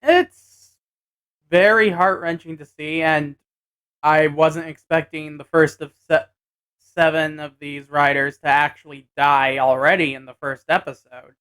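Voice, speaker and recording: Slow, clear-voiced vlogger thinking aloud. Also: mid-range voice, steady tone, a bit bright, poor audio. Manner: hesitant, thinking aloud with trailing hedges. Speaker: anime and tokusatsu episode reviewer. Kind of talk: casual episode recap and impressions vlog.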